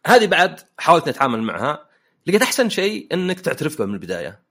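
A man's voice: on the high side, huge pitch swings, rapid-fire, a bit bright, breathy edge. A man hosting a casual podcast chat, telling jokey personal anecdotes. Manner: anecdotal, joking storyteller. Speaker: podcast host.

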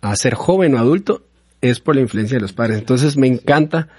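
A father talking about children's faith in a conversational way, warm and affirming. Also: mid-range voice, lively intonation, a little fast, breathy edge, no echo, clean studio sound. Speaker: father and church speaker. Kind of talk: conversational talk.

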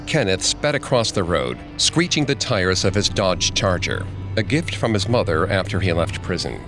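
A man with a very deep voice narrates a scripted true-crime story in a steady, grave way. Music plays clearly behind his voice. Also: moderate pace. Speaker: podcast narrator.

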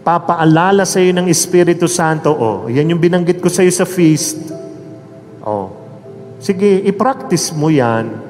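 A man preaching a sermon at a worship gathering, slow and emphatic, moving between English and Filipino as he tells a story. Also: fairly high pitch, lively intonation, a little mellow. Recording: hall reverb with faint music.

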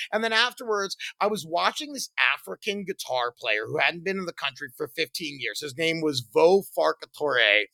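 Young male comic, earnest monologue, bright and very animated delivery. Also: high-pitched, no echo. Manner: animated, earnest, swings between loud bursts and quiet. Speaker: stand-up comedian. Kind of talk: reflective monologue.

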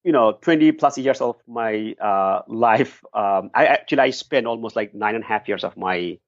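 Answering interview questions, a middle-aged Bangladeshi nonprofit founder earnestly recounts his story in a lowish voice at a moderate pace. There's no room sound, and the recording is dry, lo-fi, and a little muffled.

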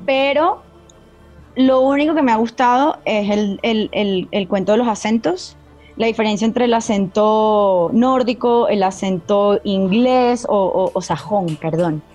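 A woman's voice: mid-range voice, unhurried, a little mellow, soft background music. A woman giving frank opinions in a casual video game review chat, often hesitating and trailing off. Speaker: guest gamer and psychologist on a game panel.

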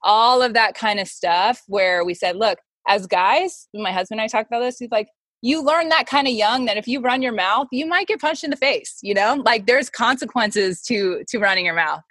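A modeling agency founder and mentor in her thirties talks casually as an interview guest, her voice fairly high and fairly bright at a normal speed. Candid and emphatic, she peppers her talk with "like" and acts out quotes. The recording is dry.

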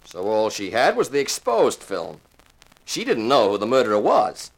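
Recorded with poor audio, a lowish male voice delivers heavily acted lines at normal speed, its pitch swooping wildly. He plays a tough, wisecracking insurance investigator narrating his own case in a 1950s radio crime drama, deliberate and firm, with a hard-boiled, sardonic, commanding manner.

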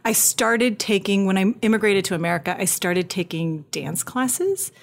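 An actor from Singapore talks about her past as a podcast guest, easygoing and candid. Her voice sits at an ordinary middle pitch for a woman. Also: lively intonation, moderate pace, vocal fry. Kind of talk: casual chat.

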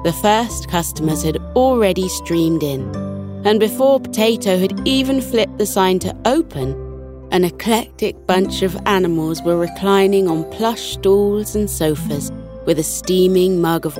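A woman with a slightly low voice tells a children's sleep story over music. She reads as a podcast narrator, soothing and unhurried, as if easing young listeners toward bed.

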